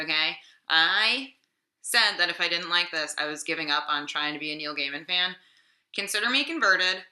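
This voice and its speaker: In a casual weekly book talk, a young woman vlogger speaks in a sharp voice that sits on the low side. A little sick, she rambles with plenty of fillers, and the room at home she's in sounds echoey.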